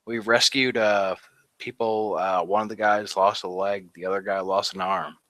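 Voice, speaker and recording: A man in his thirties, an Army veteran, gives a casual, rambling account of his war experiences in an interview, full of "like" fillers and laughs at grim moments. His fairly low voice is level in tone, slightly bright, and moderately paced. The recording is dry.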